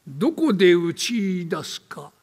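An older man from Tokyo, playing a meek, polite old male landlord in a comic storytelling act, deferential and telling ghost tales slowly. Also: high voice, sing-song, a little mellow, husky, long reverb tail, exaggerated voice. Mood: eerie, slow. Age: 70s. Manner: timid, deferential, slow eerie storytelling. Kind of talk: rakugo storytelling.

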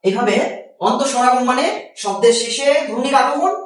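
Bangladeshi guy teaching grammar, slow and repetitive, super echoey room, sounds far off the mic. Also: very high-pitched. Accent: Bangladeshi Bengali. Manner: slow and explanatory, repeats each example. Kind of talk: grammar lesson.

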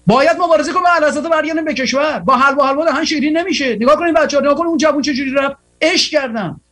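A man's voice: very high-pitched, bright, forceful tone. A tired man hosting a political broadcast, giving a fervent, rallying monologue full of repeated exhortations.

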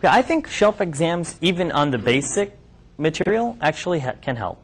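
Very animated, a little high and breathy at a moderate pace, a physician from New York in his thirties gives medical students a casual talk with audience questions. He's conversational, using many ums and restarts, indoors in a classroom lab.

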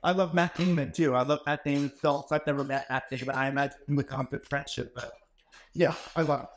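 A fast-talking man in his forties, medium-pitched and steady in tone, gives a motivational keynote in an ornate wood-paneled hall. He tells emphatic, conversational stories into a handheld microphone, and there's slight background noise.

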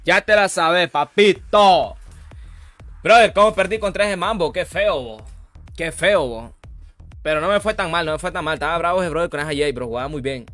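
Brief: male streamer calling his own matches live, excitable and repetitive, with a forceful, slightly high voice. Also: fairly quick, dry recording, soft background music. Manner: excitable, repetitive banter with frequent outbursts. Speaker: gaming streamer. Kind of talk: live gameplay commentary.

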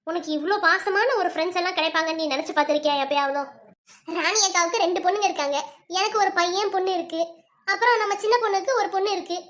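A squeaky, very high-voiced village woman in a cartoon comedy, voiced by a woman. She talks in lively neighbourly banter and reassures her friends. She sounds caring and talkative.

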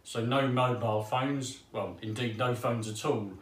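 A man gives a casual sermon in a chatty, self-deprecating manner, scattering ums as he goes. His voice sits at a middle pitch and is picked up from a distance, so an echo in the room surrounds it. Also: fairly even intonation, unhurried. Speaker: preacher. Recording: roomy sound from off mic.

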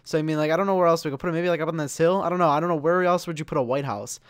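A man's voice: on the high side, rapid-fire, clear, resonant tone, no echo, clean studio sound. Rambling young-sounding gamer man. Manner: rambling, frequent fillers and nervous laughter. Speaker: gaming channel host. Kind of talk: casual gameplay commentary.

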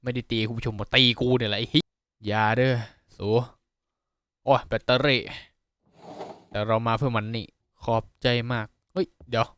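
A man giving casual, profane commentary on a horror game, yelping when startled and dropping to a hush while sneaking. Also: mid-range voice, moderate pace, pauses often, dry recording. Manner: excitable, swears a lot, yelps when startled; drops to a hushed voice while sneaking. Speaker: gaming YouTuber.

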